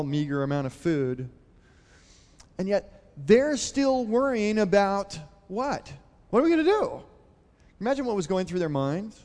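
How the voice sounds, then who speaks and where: A man preaches in a church hall, his slightly high voice trailing into a long reverb. He retells a Bible story in an easy, talky way and keeps turning to the congregation with questions. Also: warm tone. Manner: conversational, asks the congregation questions. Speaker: pastor.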